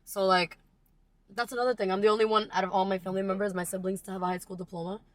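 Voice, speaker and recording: A woman in her twenties, a podcast guest telling stories in casual talk, animated and swearing easily, recorded in a car. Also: mid-range voice, racing. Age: 20s. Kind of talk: casual conversation.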